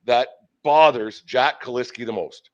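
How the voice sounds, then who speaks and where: An older man hosts a casual baseball team podcast, chatting and interviewing in a folksy, rambling, talkative way. His voice is mid-range and his pace measured, and the sound is dull and band-limited.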